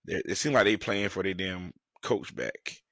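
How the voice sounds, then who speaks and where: A man in his thirties co-hosting a casual sports podcast, easygoing and quick to chuckle. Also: low-pitched, very animated, gravelly, a bit bright, no echo. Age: 30s. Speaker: podcast co-host.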